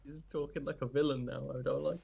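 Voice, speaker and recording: A man's voice: mid-range voice, fairly even intonation, quick pace, creaky, warm tone, husky, dull audio. A man playing a tabletop game, talking casually in and out of character.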